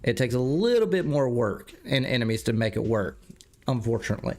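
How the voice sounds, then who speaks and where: A man streaming a game live, stuffed up and clearing his throat, rambling and correcting himself as he chats with viewers. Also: medium pitch, animated, fairly quick. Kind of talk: casual livestream commentary.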